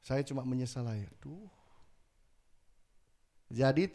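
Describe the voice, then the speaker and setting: A pastor preaching a sermon in church, telling stories in a lively way and acting out short exchanges. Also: male voice, medium pitch, a little slow. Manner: lively storytelling with Javanese phrases.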